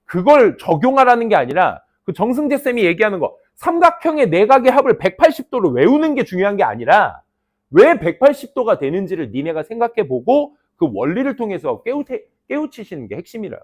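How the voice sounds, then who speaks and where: A middle-aged man teaching an English class, talking to students in a lively, playful storytelling way. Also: sits high, brisk. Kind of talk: lecture to students.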